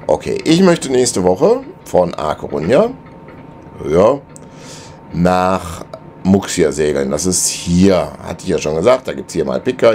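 Wind is audible outside as a middle-aged man records a casual explainer in the cabin of his anchored sailboat, walking through route planning on screen maps. His low, darkish voice has vocal fry, his delivery chatty and full of fillers, with a little hiss or hum.

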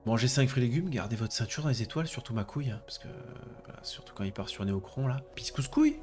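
A man's voice: mid-range voice, fast, a little mellow, soft background music. French man reading game text with jokes. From France. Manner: laughing, swearing, reading game text aloud. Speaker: gameplay commentator. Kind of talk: let's play commentary.

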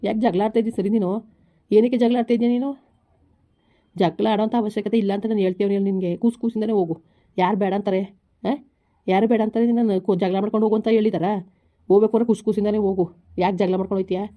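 A woman's voice: medium pitch, fairly even intonation, dark tone, lightly acted. A woman playing an exasperated husband. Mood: scolding. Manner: rapid, exasperated, scolding. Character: harried husband caught between wife and mother. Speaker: husband in a family skit. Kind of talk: village comedy skit acting. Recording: slightly dull lo-fi recording.

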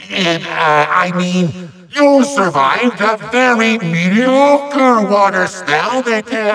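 Kaos, shrill bombastic evil sorcerer. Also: male voice, gravelly, bright, forceful tone, far from the mic, exaggerated voice, low-quality recording. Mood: flustered. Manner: bombastic, theatrical, sputtering megalomaniac delivery. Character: pompous, short-tempered evil sorcerer villain with giant floating head. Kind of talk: video game villain voice acting.

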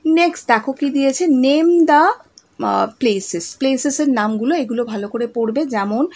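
Lady teacher, fairly high voice, reads the exercise lines out slow then explains. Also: animated, darkish tone. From West Bengal, India. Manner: patient, checks in often with "okay?" and "right?"; reads exercise sentences slowly and deliberately. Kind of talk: explaining a grammar lesson to young students.

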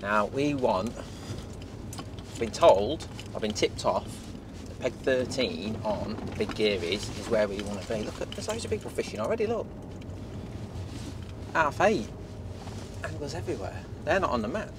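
Man, mid-pitched, casual enthusiastic vlog host outdoors; clear outdoor noise behind. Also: big pitch swings, unhurried, long pauses. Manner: chatty, enthusiastic, addresses viewers directly. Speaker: fishing vlogger. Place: outdoors at a fishing lake.

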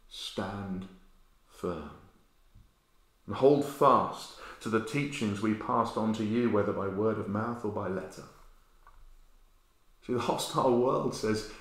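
A man in his fifties preaching a sermon, animated storytelling that swings between loud and hushed, recorded indoors in a bare room by a camera at medium distance. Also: fairly low pitch. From England. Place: bare-walled room indoors, with a sign language interpreter beside him. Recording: very echoey room.

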